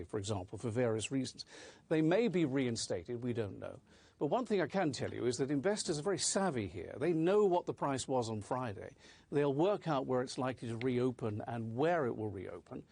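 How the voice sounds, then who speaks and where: A man's voice: mid-range voice, darkish tone, husky, no room sound. A man reporting live as a news correspondent, explaining in a conversational way.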